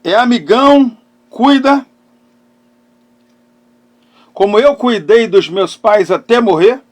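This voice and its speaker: Hosting a live talk, a middle-aged pastor and therapist preaches and shares personal testimony. His high-pitched voice is emphatic, broken by dramatic pauses, and swings between loud and hushed phrases.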